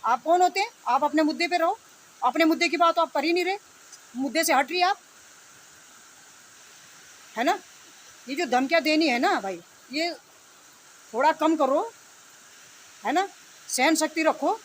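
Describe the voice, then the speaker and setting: An online video commentator, a woman with a high-pitched voice, delivers an unscripted and indignant rant at a measured pace with frequent pauses. She scolds and confronts her opponents, using repeated phrases and rhetorical questions. The low-quality recording carries steady background noise.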